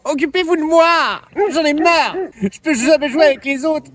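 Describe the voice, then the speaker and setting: A man's voice: very high-pitched, moderate pace, a bit bright, recorded from a distance, voice pushed up. A man voicing a huge, sulky male dog who whines for attention. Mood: whiny. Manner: whiny, complaining.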